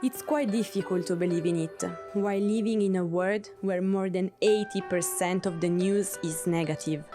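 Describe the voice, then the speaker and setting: A woman, narrating a travel vlog voice-over in an earnest, steady way. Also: fairly low pitch, normal speed, hardly any pauses. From Italy. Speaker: travel vlogger. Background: music.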